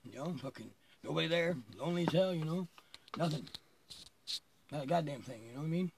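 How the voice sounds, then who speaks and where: A man's voice: fairly high pitch, quick pace, vocal fry, background noise. Rambling, profane man telling a story. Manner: rambling, profane, laughs often.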